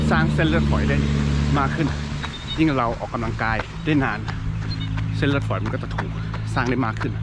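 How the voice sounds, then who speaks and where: A man giving a casual explanation while running outdoors, speaking in short broken phrases. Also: medium pitch. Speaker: running coach-style vlogger explaining training. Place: outdoors, on the move. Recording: noisy outdoor recording with traffic and ambience.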